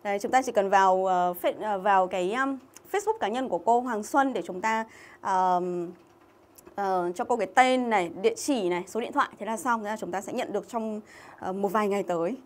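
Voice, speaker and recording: A woman's voice: medium pitch, a little fast. A young woman from Vietnam teaching an English exam-review lesson on a livestream, chatting and reading out viewers' names and comments.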